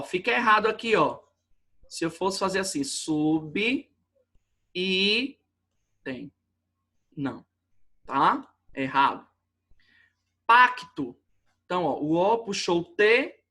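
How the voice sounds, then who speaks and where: A man's voice: high voice, bright, forceful tone. A man with a Brazilian accent teaching a grammar lesson, patiently explaining at the board and often checking that students follow.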